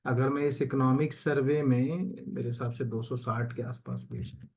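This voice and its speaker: An exam coaching teacher explains exam answers on a shared screen in a medium-pitched voice with fairly even intonation and a moderate pace, the audio's highs cut off. He speaks Hindi with English terms mixed in, casually and conversationally, using many fillers and correcting himself often.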